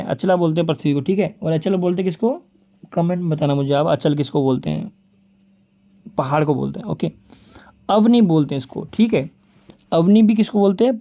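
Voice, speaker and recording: This lo-fi recording captures a fairly high-pitched man speaking Hindi with a Rajasthani accent as he runs through exam-prep vocabulary. Word lists come out quickly, peppered with "ठीक है" and "बोलते हैं", and he addresses the audience as "दोस्तों" and "भाई".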